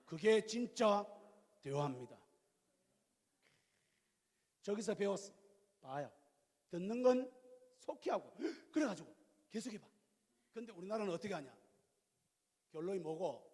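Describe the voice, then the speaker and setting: A male pastor in his fifties preaching a sermon, telling stories in a lively, colloquial way with questions to the congregation. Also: sits high, a little slow, long pauses. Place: church sanctuary. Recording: reverberant church hall.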